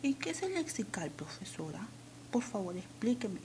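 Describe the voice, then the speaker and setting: A woman's voice: medium pitch, sing-song, moderate pace, noisy background. A woman voicing an eager young schoolgirl who keenly asks her teacher questions. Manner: keen, asking the teacher questions.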